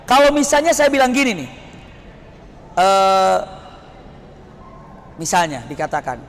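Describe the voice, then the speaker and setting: A man's voice: high voice, sing-song, measured pace, long reverb tail, slight background noise. A man from West Java, preaching in a dramatic storytelling style and asking the audience questions. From West Java, Indonesia. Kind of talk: storytelling sermon.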